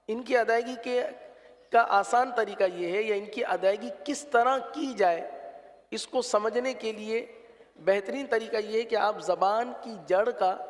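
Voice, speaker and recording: A man teaching the pronunciation of letters for Quran recitation, slow and patient, drawing out each sound to demonstrate it. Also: high voice, long reverb tail.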